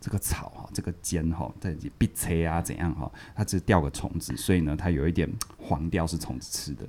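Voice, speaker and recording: Man as a sly, patient psychiatrist; hushed, teasing line reads. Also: on the low side, very animated, fast talker.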